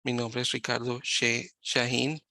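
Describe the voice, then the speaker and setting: A man giving live Spanish interpretation of a webinar over a video call, talking in halting phrases and often correcting himself mid-sentence. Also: mid-range voice, completely flat delivery, bright, forceful tone, no echo, clean studio sound. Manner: halting, with frequent self-corrections.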